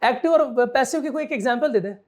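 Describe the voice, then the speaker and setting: A man's voice: very high-pitched, fast talker. A man giving a classroom law lecture, quizzing students and repeating his key points.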